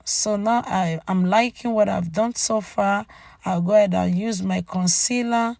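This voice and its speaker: Woman with a cracking, creaky, cold-struck voice. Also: mid-range voice, measured pace, a little mellow, no echo, clean studio sound. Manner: chatty, addresses viewers directly with tag "okay?". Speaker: beauty channel host. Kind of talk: makeup tutorial voice-over, casual narration.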